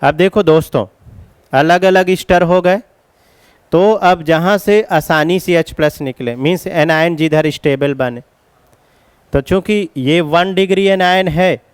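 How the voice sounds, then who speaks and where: Guy teaching chemistry step by step, kinda high voice, dry close sound. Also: unhurried, smooth, no room sound. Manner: explains step by step, addresses students as children. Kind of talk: classroom lecture at a board.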